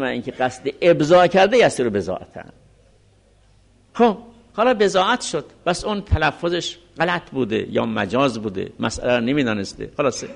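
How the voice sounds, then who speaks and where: Man lecturing with lively pitch. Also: gravelly. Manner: explains step by step, reads Arabic text then restates it. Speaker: seminary teacher. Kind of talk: lecturing on a legal text.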